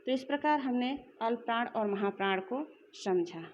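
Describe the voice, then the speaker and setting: A woman teacher explaining a lesson slowly and clearly, repeating examples. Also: on the high side, a little hiss or hum. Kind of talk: classroom lesson. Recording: dull lo-fi recording.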